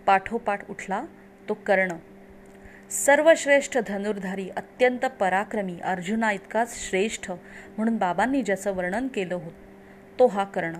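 A woman reading an epic novel aloud in first person, with expressive dramatic storytelling. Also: mid-range voice, moderate pace, a little hiss or hum. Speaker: audiobook narrator. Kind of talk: first-person audiobook narration.

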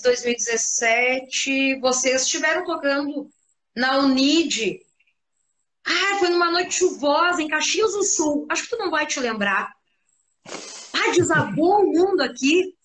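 A woman with a gaúcho accent from southern Brazil, hosting a live online interview and talking lively with her guest and listeners. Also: high-pitched, a little hiss or hum. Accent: gaúcho (Rio Grande do Sul). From Rio Grande do Sul. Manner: lively, talkative, addresses listeners. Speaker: host.

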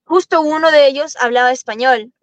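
A young woman from Ecuador, a racing driver, talking eagerly as a podcast guest, rambling quickly with many restarts. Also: sits high, dry recording. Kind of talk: podcast interview. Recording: dull lo-fi sound, dry.

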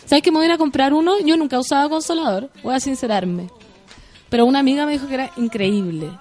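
Chilean woman radio host, high and brassy, loud slangy chat, faint music under. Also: fast talker. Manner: loud, playful, slangy, bursts into song. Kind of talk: casual chat, reading listener messages.

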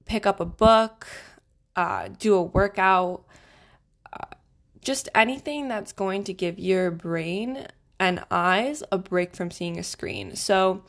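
A woman's voice: on the low side, slow, vocal fry. A young adult woman hosting a solo self-help podcast, giving advice in a tidy, organised way. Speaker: podcast host.

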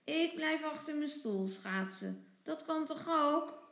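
A woman's voice: high voice, lively intonation, slow, fairly bright tone, roomy sound, voice pushed up, heavily acted. A woman reading a storybook aloud and voicing a timid, stubborn little boy.

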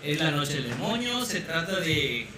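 A man's voice: a little high, very animated, measured pace, over a noisy crowd. A man in casual chat, reacting with short remarks. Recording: roomy, noisy with people.

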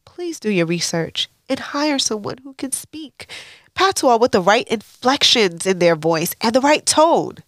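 A woman's voice: fairly high pitch, sing-song, unhurried, no echo, clean studio sound. A woman hosting a podcast, recapping a TV episode in a candid, opinionated way and breaking off into rants with laughs. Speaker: podcast host.

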